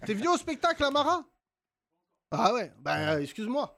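A man's voice: very high voice, sing-song, brisk, a crowd in the background. A man in his thirties bantering casually as a comedian and podcast host, brash, teasing and mock-boastful. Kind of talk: comic banter in casual chat.

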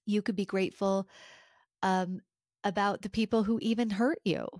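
A woman's voice: mid-range voice, steady tone, normal speed, darkish tone, no room sound, studio quality. A woman hosting a solo podcast, talking earnestly and encouragingly and asking her listeners questions. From United States. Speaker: podcast host. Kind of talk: reflective solo podcast talk.

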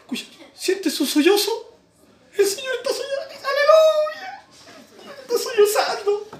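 A man voicing an overly emotional male preacher in a mocking, weepy, drawn-out way. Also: extremely high pitch, sing-song, echoey room, voice pushed up, heavily acted. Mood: mock sobbing.

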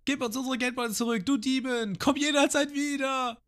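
A man voicing a crowd of cartoon villagers who shout in a shrill falsetto, robbed but grateful. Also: steady tone, fairly quick. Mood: shrill, outraged.

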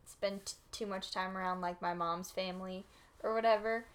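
A woman's voice: medium pitch, steady tone, moderate pace. A woman co-hosting a podcast, chatting casually, laughing often and using many fillers. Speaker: podcast co-host. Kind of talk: casual chat.

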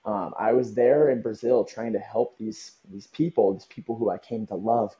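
A young man from Southern California speaks earnestly as a podcast guest, pausing on ums as he reflects. His voice is very dark and mellow. The recording sounds dull and lo-fi. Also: on the low side, steady tone. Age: young adult. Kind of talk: podcast interview. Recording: dull lo-fi audio.

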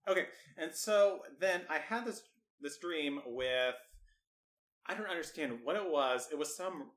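Man, podcast co-host, casual chat, rambling storyteller, bright tone, roomy echo. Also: a little high, measured pace. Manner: laughing storyteller, relaxed and rambling.

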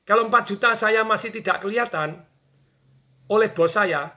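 Bright, high-voiced energetic man. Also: moderate pace. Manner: energetic, acts out quoted bosses and workers. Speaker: business coach guest. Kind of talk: animated radio talk.

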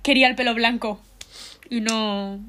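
A young woman interviewing someone in a relaxed, chatty way, passing on questions from fans. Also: fairly high pitch, a little slow. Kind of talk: casual conversation.

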